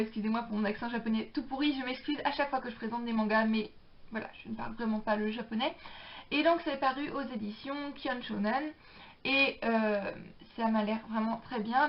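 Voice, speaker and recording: A woman's voice: fairly high pitch, a little fast, slight background noise. Chatty young woman, dull recording. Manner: chatty, hesitant with frequent fillers. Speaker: book vlogger. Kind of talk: casual book haul chat. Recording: dull lo-fi sound.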